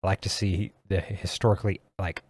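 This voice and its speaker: A man's voice: deep voice, little pitch movement, fairly quick, a little mellow. A man hosting a casual podcast, talking in an easygoing, hesitant way with many fillers. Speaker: podcast host. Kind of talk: casual chat.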